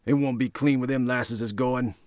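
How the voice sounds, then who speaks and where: A man voicing a callous, gruff thug boss who talks crudely and dismissively in a spoken crime story. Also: medium pitch, fairly even intonation, moderate pace, a little mellow, dry recording, clean studio sound, voice pushed up, natural voice.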